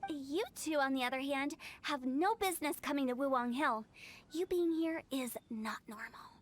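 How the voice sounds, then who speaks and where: Brief: woman playing a mischievous young funeral director, very high-voiced and teasing. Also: normal speed, slight background noise, lightly acted. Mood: knowing. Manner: teasing, playful, breezy salesmanship about death. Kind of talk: game cutscene voice acting.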